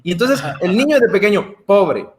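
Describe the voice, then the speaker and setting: A man's voice: on the high side, lively intonation, fairly quick, fairly bright tone. Chatty Guatemalan man acting out voices. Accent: Guatemalan Spanish. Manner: chatty, acts out quoted voices. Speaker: guest speaker. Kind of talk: conversational talk on a video call.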